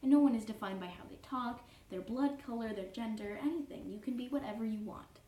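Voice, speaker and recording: Fussy pedantic troll guy, a woman doing him, mellow voice, kinda far from the mic in a roomy space. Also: fairly high pitch, fairly quick, natural voice. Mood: prim, fussy. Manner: pedantic, formal, constantly correcting and apologizing. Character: prim, fussy, easily offended young male troll. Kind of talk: cosplay character reading fanfiction aloud. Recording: roomy echo, distant mic, faint noise.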